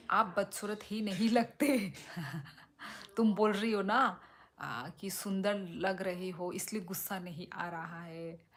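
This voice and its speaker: A woman hosting a casual live stream, reading out viewer comments and answering them in an unhurried, teasing way. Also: mid-range voice, steady tone.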